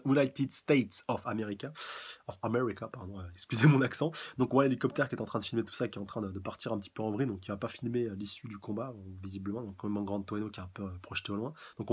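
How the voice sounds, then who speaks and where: A man gives a relaxed live review of a comic chapter, his voice a little husky and pitched slightly low. He rattles along quickly but keeps tripping over his words, restarting phrases as he searches for the right term. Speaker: manga reviewer. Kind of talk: casual live review commentary.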